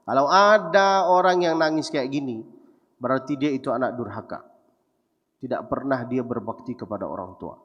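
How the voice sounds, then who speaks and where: Young preacher from Mecca, echoey hall. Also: male voice, medium pitch, normal speed. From Mecca, Saudi Arabia. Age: young adult. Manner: animated, addresses listeners directly, acts out quotes. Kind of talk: lively sermon to a crowd. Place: large hall at a preaching event. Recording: echoey hall, dull muffled sound.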